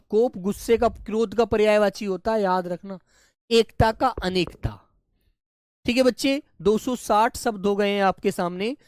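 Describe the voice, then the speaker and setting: A male teacher leads a live online class, saying each word slowly, calling the children "dear," and lowering to a soft, quiet voice when he repeats their answers. The audio is studio quality with no echo.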